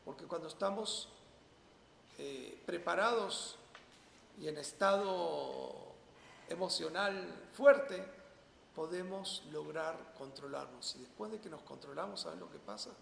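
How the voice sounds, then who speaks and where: Gravelly, high-voiced Rioplatense religious teacher. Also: male voice, a little slow, a bit bright, reverberant, long reverb tail, slight background noise. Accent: Rioplatense Spanish. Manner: poses rhetorical questions, then answers them emphatically. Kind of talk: Torah lesson to a small audience.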